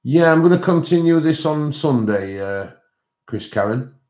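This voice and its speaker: A man's voice: on the high side, expressive, a little slow, darkish tone, dull audio. A man hosting a livestream, chatting casually with viewers and thinking aloud in a hesitant way. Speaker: livestream host.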